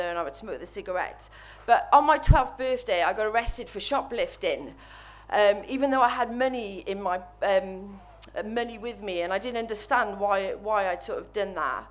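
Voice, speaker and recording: Welsh woman late 30s, nervous, lots of ums and false starts, speaking at a mic to a room. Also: mid-range voice. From Wales. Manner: nervous, halting, many ums and restarts. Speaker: speaker sharing recovery story. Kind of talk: personal testimony to an audience. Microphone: microphone while standing before an audience.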